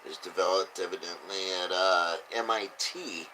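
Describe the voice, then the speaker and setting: Drunk sounding guy reading headlines, lowish forceful voice, slow and sweary, bit of noise behind him. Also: low-quality recording. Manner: blunt, swearing, offhand. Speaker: host reading and reacting to news. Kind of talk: casual rambling commentary on headlines.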